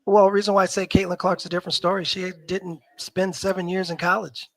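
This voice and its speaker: A man in his fifties from Nebraska, a guest talking in a casual, animated, opinionated way on a video call. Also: high voice, fairly quick, poor audio. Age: 50s. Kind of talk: casual chat.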